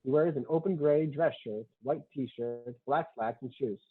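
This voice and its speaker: At a table read, a man reads screenplay stage directions in short, clipped, matter-of-fact sentences. His mid-range voice is slightly rough and his pace is measured, and the audio is thin and phone-like, as if from an online call.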